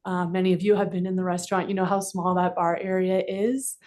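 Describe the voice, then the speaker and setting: A woman's voice: fairly low pitch, fairly even intonation, a little fast, darkish tone. A woman speaking at a town council meeting, laying out her restaurant's plans. She talks informally with lots of fillers and sounds a little out of breath. Her voice is picked up by a desk microphone in a council chamber. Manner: informal, many fillers, explanatory. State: slightly out of breath. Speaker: restaurant representative. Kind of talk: public comment at council meeting.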